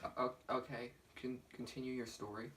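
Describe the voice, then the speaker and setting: A man's voice: medium pitch, level tone, normal speed. A young man in a comedy sketch, flustered and stammering as he reacts to his friend. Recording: distant mic with loud noise.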